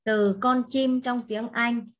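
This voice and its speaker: A woman teaching an English lesson to young children, speaking slowly and patiently and repeating each word for the class to echo. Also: a little high, fairly even intonation, muffled recording. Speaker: primary school English teacher.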